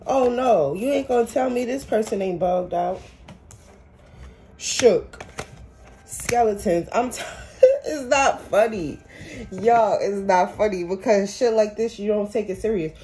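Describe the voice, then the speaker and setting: A woman's voice: medium pitch, dark tone, a little hiss or hum. A young woman giving a casual tarot reading, blunt and profane, full of street slang. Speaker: tarot reader.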